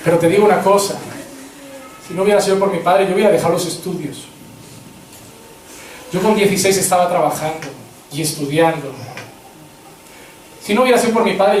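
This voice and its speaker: A man's voice: high voice, a little mellow, slight background noise. A man with a Spanish accent preaching a sermon as a pastor, speaking directly to the congregation and retelling vivid scenes. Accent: Spain. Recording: echoey hall from far off.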